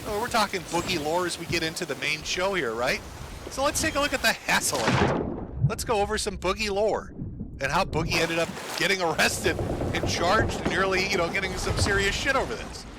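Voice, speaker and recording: A man's voice: high-pitched, expressive, a little fast, very noisy. A man commentating on online drama while gaming, profane and mocking. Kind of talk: casual commentary.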